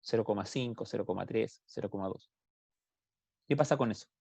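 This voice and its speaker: A man's voice: fairly low pitch, fairly quick, gravelly, darkish tone, slightly rough, no echo. A man with a Chilean Spanish accent teaching a math class on a video call, explaining step by step and asking students questions. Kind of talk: online class lecture.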